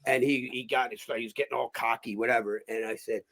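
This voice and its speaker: A man, hosting a show and telling rough, profane stories in a casual, animated way. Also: mid-range voice, fairly quick. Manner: animated, profane, acts out quotes. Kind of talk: casual storytelling.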